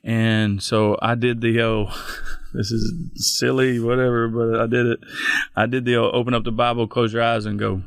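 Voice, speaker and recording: A man's voice: mid-range voice, flat delivery, moderate pace, gravelly, no room sound, studio quality. A middle-aged man, a pastor telling his own story in an interview, plainspoken and folksy, often restarting his sentences. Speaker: pastor and guest. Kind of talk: personal storytelling in a podcast interview.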